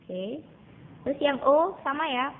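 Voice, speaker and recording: A woman's voice: high-pitched, animated, a little slow. Woman teacher on a tinny line. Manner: patient, drills tones by repeating vowels; addresses students as children. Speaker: Mandarin teacher. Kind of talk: online class lesson. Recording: tinny phone-like recording.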